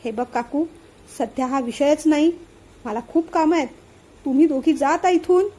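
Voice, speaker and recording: A woman's voice: sits high, normal speed, dark tone, natural voice. Woman reading as a curt, annoyed young man. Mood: exasperated. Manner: curt, exasperated. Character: irritated young man brushing off family.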